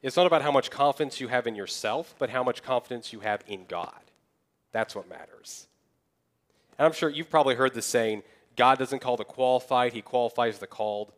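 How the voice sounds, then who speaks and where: A young man preaching a sermon as pastor, in a conversational way, acting out people's excuses in quick asides. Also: medium pitch, fairly bright tone. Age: young adult.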